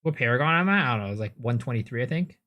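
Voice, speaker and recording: A man streaming live games and reacting to clips, animated and prone to stammering and repeating words when he gets excited. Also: mid-range voice, rapid-fire, dull audio. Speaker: game streamer.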